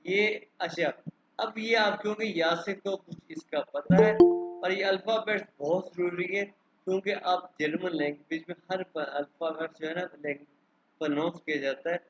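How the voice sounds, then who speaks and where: A man with a Pakistani accent teaching a German class online, saying the letters slowly and repeating them. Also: high-pitched, steady tone, over music. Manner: slow and repetitive, spelling letters out loud. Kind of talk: online language lesson. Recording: dull lo-fi call audio with faint noise.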